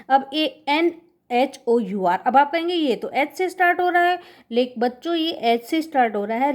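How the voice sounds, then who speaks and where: High-voiced woman teaching a grammar lesson. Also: darkish tone. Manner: explains slowly, switching between Hindi and English, reads English sentences very slowly; addresses pupils as children, asks and answers her own questions. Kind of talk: recorded class lesson.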